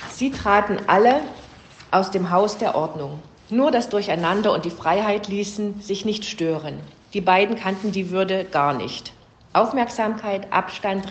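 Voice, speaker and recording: A woman reading a fable aloud as storybook narration. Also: medium pitch. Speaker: reader. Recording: roomy echo.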